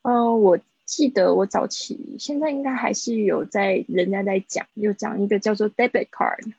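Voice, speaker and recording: A woman's voice: mid-range voice, vocal fry, a little mellow, breathy edge, no room sound. Woman teaching English vocabulary live. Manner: explains slowly, repeats words for pronunciation. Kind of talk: live online vocabulary lesson. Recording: dull, dry livestream audio.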